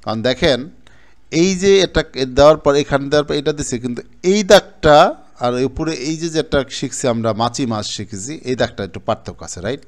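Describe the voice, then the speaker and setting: Male teacher from Bangladesh, mid-pitched, casual, repetitive classroom explaining. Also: expressive, fairly quick. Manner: repetitive explaining, points at the board, mixes in English terms. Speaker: Japanese language teacher. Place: training center classroom.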